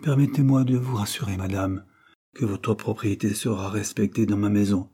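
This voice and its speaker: A man's voice: on the low side, steady tone, moderate pace, dark tone, slightly rough. A man reading aloud voices a timid, polite young mother renting out rooms in a storybook. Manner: anxious, polite, eager to please.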